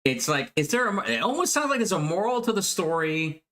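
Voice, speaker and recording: Bright, lively male streamer chatting. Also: sits high, a little fast. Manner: chatty, thinks out loud with restarts. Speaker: streamer reacting to a clip. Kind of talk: casual chat.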